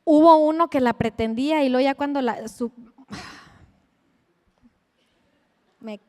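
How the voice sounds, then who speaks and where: Mexican woman preacher, high voice, chatty animated storyteller, long church-hall echo. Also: slow pace. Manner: animated, chatty, with asides and laughs. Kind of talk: sermon with personal storytelling.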